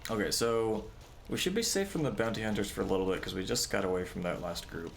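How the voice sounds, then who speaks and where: Low, gravelly, animated male streamer. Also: quick pace, slight background noise. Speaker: game livestream host. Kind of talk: casual gameplay chat.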